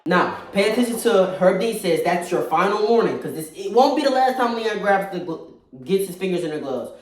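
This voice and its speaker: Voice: mid-range voice, lively intonation, a little fast. A person giving casual, opinionated fight analysis, stressing and repeating points, recorded in a very echoey space away from the mic. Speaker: combat sports commentator. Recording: very echoey room, distant mic.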